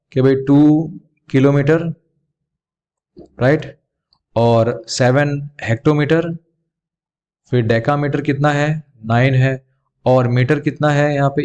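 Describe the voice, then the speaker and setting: A man's voice: mid-range voice, a little mellow. A male teacher with an Indian English accent walks young students through a math lesson. His voice sits mid-range, and he keeps asking questions, then answering them himself in a patient classroom tone. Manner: addresses students as beta, asks and answers his own questions.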